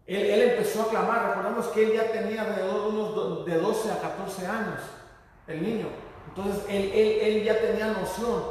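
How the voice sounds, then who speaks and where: High-voiced preacher in an echoey hall. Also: male voice, steady tone, distant mic. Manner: halting, repeats words, tells the story with feeling. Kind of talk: sermon.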